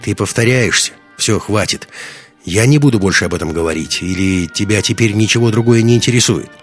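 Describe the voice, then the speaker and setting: A man reading an audiobook voices a prickly, defensive young man who answers curtly and snaps back, pitched a little higher than his own voice. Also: a little fast, soft background music, close to an everyday voice. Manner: curt, snapping, defensive.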